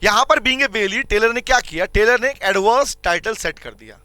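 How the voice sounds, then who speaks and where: A man lectures on commerce law in a very high, crisp, bright voice. He explains with everyday examples, quizzes his students, and calls them beta. The sound is dry and close. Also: dry recording. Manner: addresses students as beta and bhai, repeats points; reads English legal lines slowly and deliberately. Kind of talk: classroom lecture.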